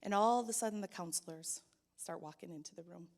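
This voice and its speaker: A young adult woman gives a personal testimony in a church hall, telling her story and voicing the people in it, growing loud and pleading. She speaks fast in a lowish voice, and the hall adds long reverb.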